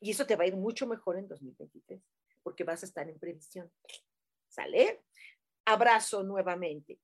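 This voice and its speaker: A woman with a Mexican accent talks casually to her live audience. She calls people sweet pet names and stops often to hesitate and restart. Her pace is relaxed and her delivery is chatty and unscripted. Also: medium pitch, moderate pace, husky. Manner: warm, chatty, many fillers, affectionate terms. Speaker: livestream host giving angel messages. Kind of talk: casual live-chat reading.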